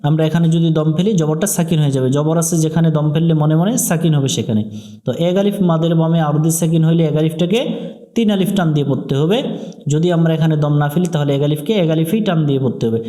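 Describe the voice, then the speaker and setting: A man teaching Quran recitation in a slightly high, mellow voice. He spells out letters and vowel marks one by one, then chants the verse in long, drawn-out tones. The recording carries a noticeable room echo. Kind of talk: step-by-step recitation lesson.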